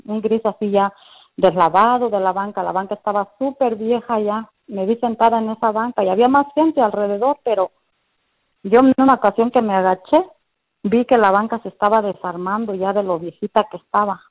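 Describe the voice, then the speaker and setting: A woman's voice: medium pitch, a little mellow. A middle-aged woman giving a personal religious testimony as a guest, telling her story earnestly and repeating phrases, with many fillers. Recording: dull lo-fi sound.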